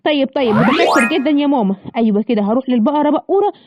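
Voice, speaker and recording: A woman with an Egyptian accent voicing a hasty male lion father who cooks, talking fast to himself. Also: high-pitched, lively intonation, over music. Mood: bustling. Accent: Egyptian Arabic. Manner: fast, bustling, talks to himself. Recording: dull lo-fi, clear background noise.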